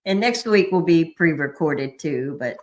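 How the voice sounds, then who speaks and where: A woman's voice: sits low, lively intonation, a little slow, a little mellow. A woman co-hosting a spiritual podcast, chiming in with effusive exclamations and casual chat. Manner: effusive, interjecting, breathy exclamations. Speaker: podcast co-host.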